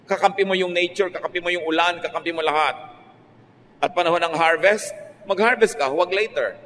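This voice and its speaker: A man with a Filipino accent, a pastor giving a conversational radio sermon that mixes Filipino and English, with sudden lively rises in pitch. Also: fairly quick. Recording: faint noise, long reverb.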